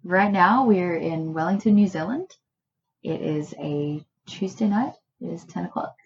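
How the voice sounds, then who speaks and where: A woman from Australia, a poet, speaking thoughtfully in a quiet bedroom and reading her poems. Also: on the low side, lively intonation, a little slow, lo-fi sound. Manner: thoughtful, musing. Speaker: poet guest. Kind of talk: reflective conversation and poetry reading.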